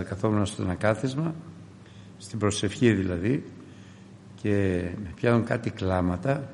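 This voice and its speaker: An older man giving an animated testimony sermon, speaking straight to his congregation in a church hall. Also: fairly low pitch, gravelly, slight background noise. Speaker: preacher.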